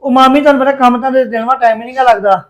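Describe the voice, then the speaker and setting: A quick-talking young farmer son played by a man in a family drama. He answers his aunt politely and easily. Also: very high-pitched, fairly even intonation. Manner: polite, easygoing. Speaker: son Raghbir. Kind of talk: home-made family drama acting.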